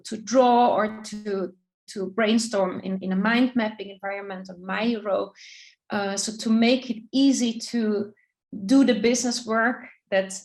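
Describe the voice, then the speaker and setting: A middle-aged woman from Austria with an Austrian accent, a business coach answering interview questions thoughtfully, with many pauses and restarts. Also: medium pitch, low-quality recording. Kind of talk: casual interview, video call.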